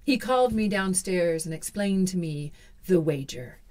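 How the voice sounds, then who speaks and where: A woman's voice: fairly low pitch, expressive, unhurried. Woman telling a creepy folktale, dramatic, goes whispery, voice all over the place. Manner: dramatic, drops to hushed whispers. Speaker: storyteller.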